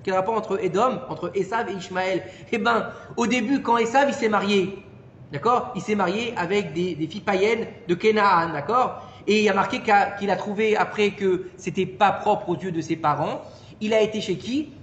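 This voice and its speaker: A man giving an informal Torah lesson to a small group, animated and peppering his listeners with questions. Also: high-pitched, moderate pace, lo-fi sound. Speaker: Torah teacher. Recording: echoey room with long reverb and faint noise.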